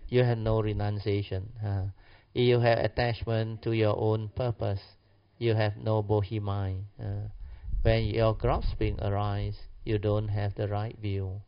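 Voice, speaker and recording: A man teaches informally in colloquial Malaysian-accented English, full of clipped slang phrases and particles. His voice is on the low side and his pace is very unhurried. The recording sounds somewhat dull and lo-fi. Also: level tone, clear, resonant tone. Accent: Malaysian or Singaporean English. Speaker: Buddhist teacher. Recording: muffled, dull lo-fi audio.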